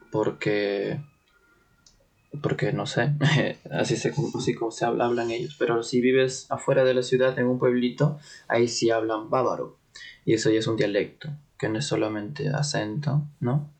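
A young man from Peru, talking casually in an interview. He hesitates and hunts for words, with frequent little laughs, at an ordinary pitch for a man. His delivery is relaxed and unhurried. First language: Spanish. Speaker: interview guest, trainee in Germany.

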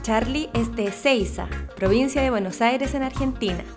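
A woman's voice: fairly high pitch, moderate pace, over music. A woman hosting an online interview, asking questions in a friendly, upbeat way. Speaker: host. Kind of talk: interview hosting and scripted intro.

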